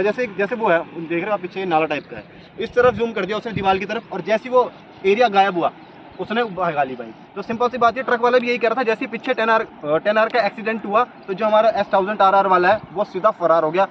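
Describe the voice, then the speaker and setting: In an outdoor commentary vlog, a young man talks fast in a high voice, making argumentative points in a row. Faint noise runs under the slightly dull, lo-fi recording.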